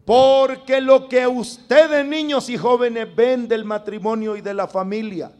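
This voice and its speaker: A man's voice: very high voice, fairly even intonation, a little slow, a little mellow. A man preaching a sermon to a congregation, emphatic and drawn out, calling on them to repeat after him.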